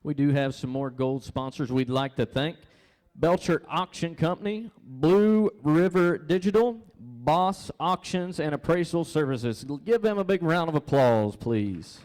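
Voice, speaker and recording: Man, American accent, event announcer, moderately high pitch. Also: expressive, measured pace, a little mellow.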